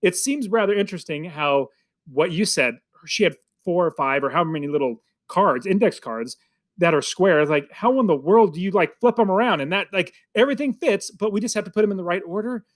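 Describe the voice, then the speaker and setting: A man's voice: high-pitched, lively intonation, fairly quick. Chatty man rambling about a film. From United States. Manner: rambling, many restarts and fillers. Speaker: podcast co-host. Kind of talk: casual film review chat.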